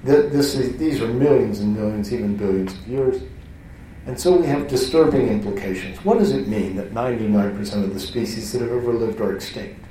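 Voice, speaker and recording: A man's voice: on the low side, dark tone, distant mic, slight background noise. Man lecturing in a roomy hall. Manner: conversational, self-interrupting with restarts and fillers. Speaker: teacher. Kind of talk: lecture to a class.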